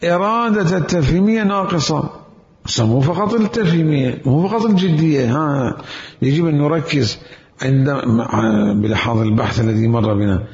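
A man's voice: fairly high pitch, normal speed, a little mellow. A man giving an Islamic jurisprudence lecture, asking rhetorical questions and repeating key words for emphasis. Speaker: seminary teacher. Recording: echoey hall, dull lo-fi sound.

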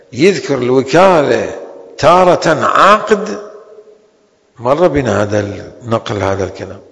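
Gravelly lecturer in a reverberant hall. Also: male voice, medium pitch, a bit bright. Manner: slow, drawn-out stresses on key terms with sudden quick asides. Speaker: religious law teacher. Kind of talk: seminary jurisprudence lecture.

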